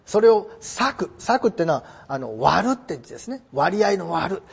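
A man's voice: high voice, very animated, moderate pace, vocal fry, breathy edge. A middle-aged man teaching English vocabulary in a polite, explanatory way, full of fillers and small digressions. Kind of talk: lecture on English phrasing. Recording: dull lo-fi recording.

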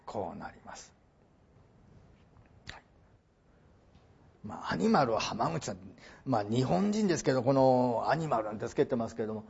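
A man's voice: sits high, darkish tone, breathy edge, highs cut off. A man teaching English translation in a lecture, mixing formal polite phrasing with playful joking asides.

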